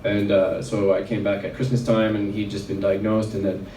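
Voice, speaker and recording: A man's voice: fairly low pitch, level tone, normal speed, warm tone, a little hiss or hum. A man, telling a personal story at a wellness event in a casual, rambling way full of fillers. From Red Deer, Alberta, Canada. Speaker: chiropractor speaking at a wellness event. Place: event venue. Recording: roomy sound from a distant mic.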